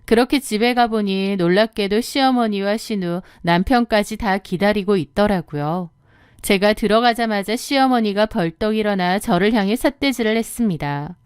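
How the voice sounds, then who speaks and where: A woman's voice: mid-range voice, normal speed, smooth, no echo, clean studio sound. Woman narrating a first-person audiobook. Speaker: storyteller.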